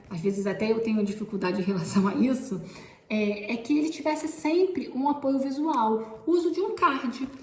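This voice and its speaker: A woman with a mid-range voice explains classroom activities step by step, often pointing things out as she goes. She's a teacher giving instructions, and the room around her is echoey.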